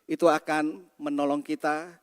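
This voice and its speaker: A man's voice: a little high, level tone, normal speed, smooth. A man preaching a sermon as pastor, telling a personal story and often turning to address the congregation directly. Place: church hall. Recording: long hall reverb in a church.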